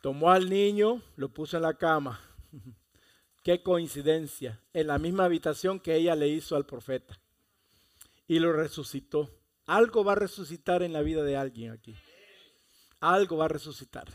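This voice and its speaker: A man preaching a sermon, speaking with passion and rising to loud exhortations. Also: fairly high pitch, moderate pace. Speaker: pastor.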